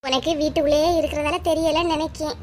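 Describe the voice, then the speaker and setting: A woman's voice: high voice, fairly even intonation, fast talker, background noise. A woman with a Kanyakumari Tamil accent performing comic village cartoon dialogue in a blunt, dismissive manner. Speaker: cartoon voice artist.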